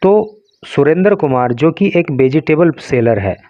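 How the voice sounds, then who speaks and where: A man teaching English from a newspaper, reading English phrases slowly and then explaining their meanings in Hindi. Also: on the high side, expressive, dark tone, no room sound, dull audio.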